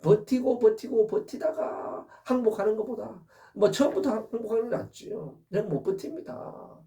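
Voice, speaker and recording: A man's voice: high voice, normal speed, dark tone, far from the mic. A man preaching an Easter sermon as pastor, earnest and full of rhetorical questions.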